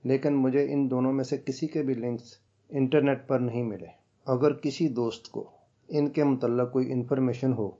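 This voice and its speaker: A man with a dark, mellow voice reads a scripted documentary narration as host of his own channel. His diction is formal and literary, his delivery measured and reflective. The recording sounds dull and slightly lo-fi. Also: medium pitch.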